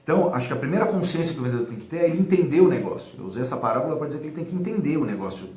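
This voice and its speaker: A man's voice: fairly high pitch, expressive, racing, darkish tone. A man talking casually and animatedly about sales management, acting out little dialogues and using many fillers. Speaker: sales consultant guest. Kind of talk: casual advice talk. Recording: echoey room, faint background noise.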